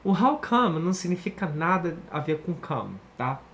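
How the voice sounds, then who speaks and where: A man with a Brazilian Portuguese accent giving a casual online English lesson, chatty and animated, often checking in with the viewer. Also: on the high side, normal speed. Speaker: English teacher.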